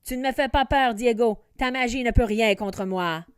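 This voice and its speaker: A woman's voice: fairly high pitch, moderate pace, clean tone, no room sound, studio quality, natural voice. A woman voicing a mocking, sneering evil man wizard, in a storybook reading. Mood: taunting. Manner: mocking, taunting.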